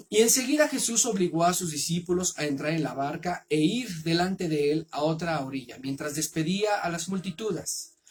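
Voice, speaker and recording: A man with a Mexican accent reading the Bible aloud and then preaching on it in an earnest, measured way. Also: fairly high pitch, slightly rough.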